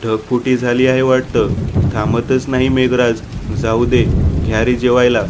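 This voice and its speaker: A man's voice: medium pitch, flat delivery, measured pace, background noise, natural voice. A man voicing a stubborn, hot-tempered young man in a storybook reading.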